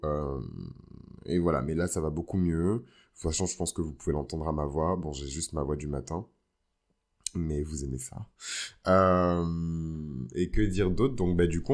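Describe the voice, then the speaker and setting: A man's voice: deep voice, darkish tone. A man hosting an astrology podcast as a casual, informal monologue, dropping bits of English slang into his talk. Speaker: podcast host.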